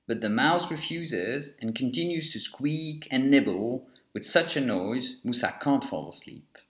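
A man narrating a children's storybook in an expressive, storytelling way. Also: mid-range voice, measured pace. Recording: echoey room.

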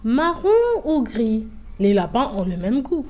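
A woman's voice: on the high side, very animated, measured pace, a little mellow. A woman voicing a hungry, cunning male fox who growls slyly, in a children's story. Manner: growling, sly.

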